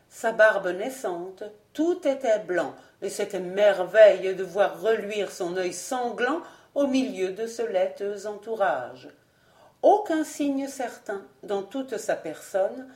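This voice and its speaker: A woman narrating a classic novel as an audiobook reader, in a measured, expressive way. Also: medium pitch, echoey room. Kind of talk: scripted narration.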